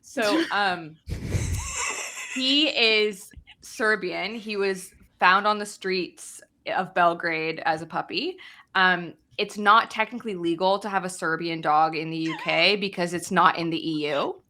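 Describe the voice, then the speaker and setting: A woman's voice: lowish voice, unhurried, pushed and bright. A woman co-hosting a casual chat from her home office, rambling and laughing as she tells a story. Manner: rambling, laughing, lots of fillers and restarts. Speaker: podcast co-host.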